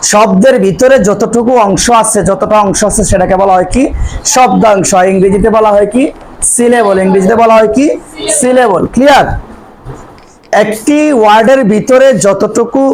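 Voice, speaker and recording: A man's voice: extremely high pitch, a little hiss or hum, poor audio. A man teaching a language class, asking the students questions and answering them himself, repeating key terms. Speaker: English teacher. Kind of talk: classroom lecture.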